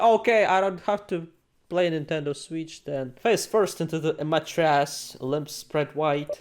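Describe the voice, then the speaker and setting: A gaming video host reads game text aloud during a let's play in a playful, theatrical way, exclaiming and joking to himself between lines. His voice is fairly high and a little mellow, with game music playing behind it.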